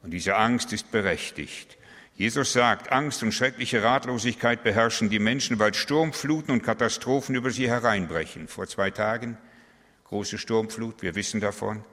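A man's voice: fairly low pitch, moderate pace, fairly bright tone. A man preaching a sermon, emphatic and building on key phrases, asking his listeners direct questions. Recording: long hall reverb.

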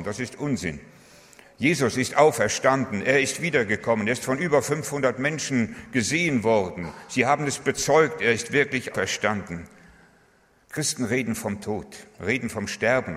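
A man's voice: medium pitch, fairly bright tone. Male preacher in a reverberant hall. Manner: earnest, exhorting, addresses listeners directly. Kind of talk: sermon.

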